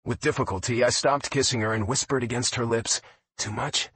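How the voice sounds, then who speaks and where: A man narrating a romance audiobook in a low, intimate first-person reading. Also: steady tone, fairly quick, fairly bright tone, husky.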